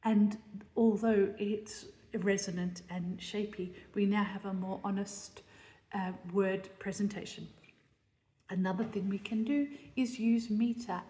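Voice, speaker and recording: Slow, mellow woman teaching in a reverberant room. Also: medium pitch, steady tone. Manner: explanatory, thinking aloud, checks in with "right?". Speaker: composer teaching text setting. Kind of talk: music composition lesson. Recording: roomy space with long reverb.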